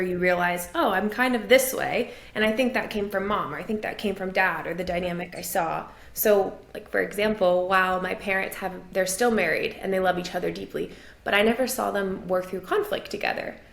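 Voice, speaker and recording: A relationship and business coach from Maine, USA, this woman speaks at a medium pitch, briskly and with some creak, in a roomy-sounding recording. As a guest in a casual interview she's earnest and reflective, her voice rising when she gets enthusiastic.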